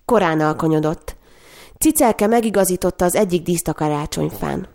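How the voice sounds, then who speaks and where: A woman narrating a story aloud in a calm, expressive reading. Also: fairly low pitch, vocal fry.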